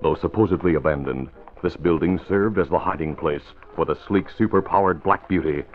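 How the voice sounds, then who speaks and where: Male radio serial narrator, lowish, dramatic scripted delivery, muffled mid-century sound. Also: a little fast, soft background music. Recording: dull old radio recording.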